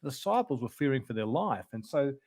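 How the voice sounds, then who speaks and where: Male Bible teacher, mid-pitched, conversational and explanatory, close dry sound. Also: very animated, a little fast, darkish tone, dry recording. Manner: informal, explanatory, thinks aloud. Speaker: Bible lesson presenter.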